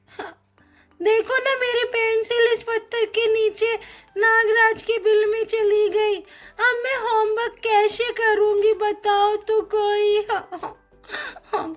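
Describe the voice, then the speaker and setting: A very high, slow, whiny little schoolgirl, as a woman puts her on, fretting over her homework in a storybook doll show. She drags her words out slowly. Faint music plays behind. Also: little pitch movement. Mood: tearful. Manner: whiny, tearful. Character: fretful schoolgirl doing homework.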